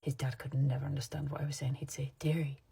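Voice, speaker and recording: A woman from England with a partly Americanized English accent, chatting and rambling into her phone at home while doing her makeup, sometimes dropping into soft asides. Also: rumbling low, monotone, fast, creaky, slightly rough. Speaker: makeup vlogger. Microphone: phone camera.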